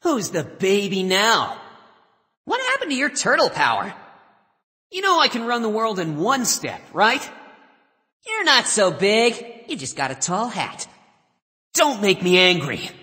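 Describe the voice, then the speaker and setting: A sly, boastful little god trades smug jabs in a video game. His bright voice leaps widely in pitch, with long reverb behind it. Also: huge pitch swings, measured pace, pauses often, exaggerated voice. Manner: smug, teasing. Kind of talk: video game taunt voice acting.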